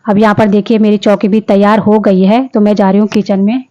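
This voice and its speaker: A woman's voice: medium pitch, flat delivery, fairly quick, mellow, muffled recording. A woman vlogger narrating her day in a casual voice-over, chatty, often restarting and correcting herself.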